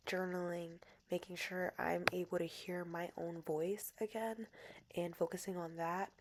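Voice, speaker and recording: A vlogger in her twenties from New Jersey, who has a New Jersey accent and grew up with Spanish as her first language, narrates a casual diary vlog voice-over with playful, emphatic repetition. Her voice is fairly low with little pitch movement and an unhurried pace, over a noisy background.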